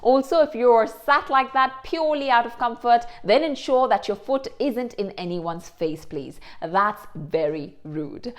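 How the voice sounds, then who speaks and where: A woman hosting a lesson and explaining things clearly, with the odd aside in Hindi. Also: fairly high pitch, a little slow, hardly any pauses. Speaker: host. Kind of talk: instructional presentation.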